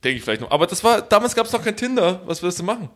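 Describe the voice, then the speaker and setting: A young man with a slightly higher voice tells an embarrassing story in a loose, casual podcast chat. He rambles, mocks himself and laughs between lines. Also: big pitch swings, rapid-fire, a bit bright. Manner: rambling, self-mocking storyteller, laughs often. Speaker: podcast co-host telling a story.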